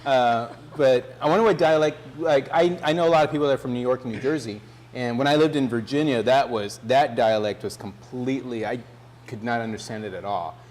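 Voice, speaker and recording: A man from Texas, co-hosting a casual chat show in a relaxed, easygoing way with plenty of "uh"s. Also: mid-range voice, a little fast, a little hiss or hum. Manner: relaxed, uses "y'all", frequent "uh" fillers. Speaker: co-host.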